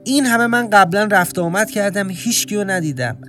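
Brief: male storyteller, slightly higher voice, tense first-person narration, soft music underneath. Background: faint music.

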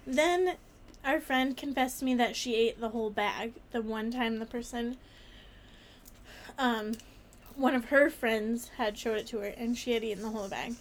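High-voiced giggly woman chatting. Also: moderate pace, slight background noise. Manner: giggly, animated storytelling with many fillers. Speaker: podcast co-host. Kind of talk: casual chat.

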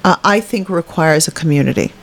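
Brief: woman comic being interviewed, low pitch, candid and chatty. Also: expressive, fairly quick, vocal fry. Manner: chatty, candid, with frequent fillers. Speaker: guest, stand-up comedian. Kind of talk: casual interview conversation.

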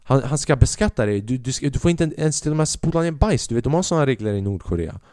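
A young man hosting his own podcast, telling a comedy club story in a profane, animated way and acting out other people's voices. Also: medium pitch, no room sound, clean studio sound. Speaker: podcast host and stand-up comedian.

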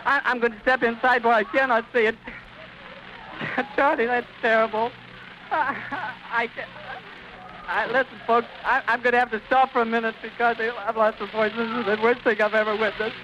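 A man's voice: extremely high pitch, flat delivery, moderate pace, sharp tone. A man reporting live on radio from an airfield, distraught and out of breath, stammering and crying out. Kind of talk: live on-scene radio commentary. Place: outdoors at an airfield. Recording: muffled noisy 1930s archive recording.

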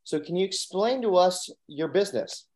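A man's voice: high-pitched, expressive, moderate pace, darkish tone, a little hiss or hum. A man hosting a local podcast, asking questions in an upbeat, enthusiastic way. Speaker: podcast host. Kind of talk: casual interview hosting.

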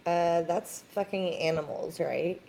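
A woman's voice: on the low side, slow, gravelly, mellow. A woman co-hosting a casual true crime podcast, reacting with jokes, swearing and laughter. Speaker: podcast co-host.

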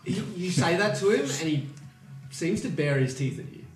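A man's voice: high-pitched, lively intonation, normal speed, recorded from a distance, loud music behind the voice. Man narrating a tabletop game from afar. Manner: loose, hesitant narration with many fillers. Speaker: game master. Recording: roomy, off-mic home recording with noise.

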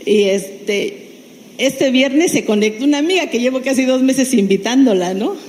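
A woman's voice: high voice, moderate pace, darkish tone, long reverb tail, a little hiss or hum. A woman encouraging others in a casual group to join and invite friends.

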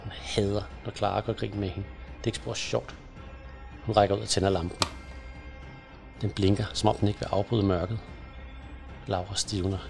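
A man narrating a scary children's story in a hushed, suspenseful way. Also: fairly low pitch, level tone, creaky, pauses often. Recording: soft music under the voice.

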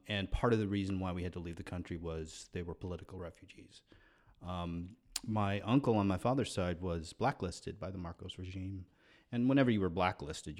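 Deep-voiced man telling a family story. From Philippines. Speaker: guest poet.

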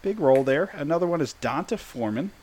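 A man's voice: a little high, animated, fast talker, a little mellow. A man hosting a casual sports talk, joking and conversational. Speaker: podcast host.

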